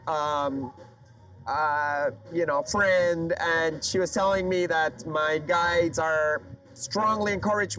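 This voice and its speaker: Podcast host guy, pretty high voice, eager casual chat, lots of yeah and wow. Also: a bit bright, rough recording. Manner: enthusiastic, short affirmations.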